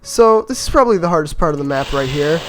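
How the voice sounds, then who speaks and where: A gameplay commentator with a slightly high, slightly raspy voice, hoarse from being sick, talks fast and expressively. He gives easygoing, rambling voice-over on a game run, poking fun at himself with chuckles as soft music plays behind.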